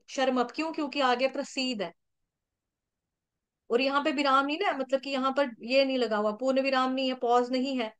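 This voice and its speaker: A woman's voice: high-pitched, fairly bright tone, smooth. A woman teaching an online class, spelling out syllables one by one and chanting verse lines for students to repeat. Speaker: scripture recitation teacher.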